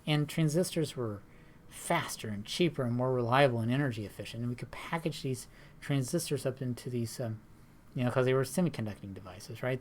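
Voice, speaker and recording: A man's voice: medium pitch, a little hiss or hum. A man giving a recorded university lecture in a rambling, conversational way, often checking in with tag questions.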